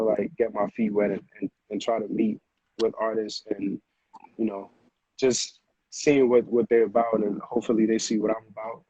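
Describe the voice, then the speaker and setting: With a husky, warm, lowish voice and no room sound, the music producer chats casually as an interview guest. Born in Honduras, he moved to the Bronx at eight, and his slangy, repetitive talk comes through on a dull lo-fi recording.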